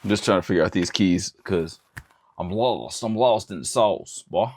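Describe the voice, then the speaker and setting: A man talking casually while working on vocals in a home studio, relaxed and self-deprecating. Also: deep voice, normal speed. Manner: relaxed, self-deprecating, laughs at own attempts. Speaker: indie musician recording vocals. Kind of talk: casual vlog talk.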